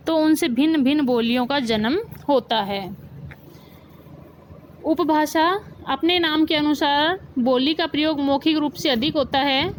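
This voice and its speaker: High-voiced Hindi teacher woman lecturing. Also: slight background noise, rough recording. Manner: explains with questions to students, repeats key points. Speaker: school teacher. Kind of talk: classroom grammar lesson.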